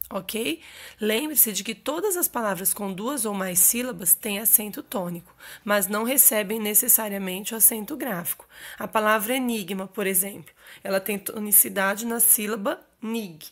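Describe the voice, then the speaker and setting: A woman's voice: mid-range voice, fairly bright tone. A woman teacher explaining grammar rules to her students, checking in often with short questions. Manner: explanatory, checks in with frequent "ok?" and "certo?". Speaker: Portuguese teacher. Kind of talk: recorded online grammar lesson.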